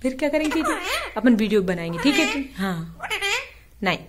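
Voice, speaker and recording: A woman's voice: fairly high pitch, expressive, moderate pace, heavy background noise. A woman talking casual baby talk to her pet parrot, coaxing and sing-song, laughing often, filmed on a phone at home. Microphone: phone camera.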